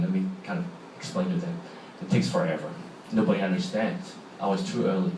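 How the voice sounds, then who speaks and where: In a large, echoey hall, recorded from far away with faint ambience, a middle-aged Hong Kong-accented man gives a chatty public talk and asks the audience questions. His voice is lowish. A little hiss or hum is audible.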